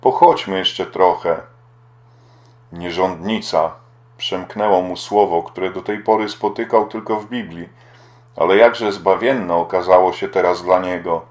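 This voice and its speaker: Low-voiced man narrating an audiobook. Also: fairly even intonation, normal speed, highs cut off. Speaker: audiobook reader. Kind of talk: scripted narration.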